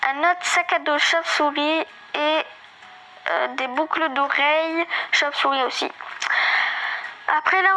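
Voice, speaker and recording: A woman's voice: high-pitched, bright, forceful tone, slight background noise, low-quality recording. A woman giving a casual, hesitant game walkthrough, full of fillers and restarts, with a slight lisp. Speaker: gaming video creator.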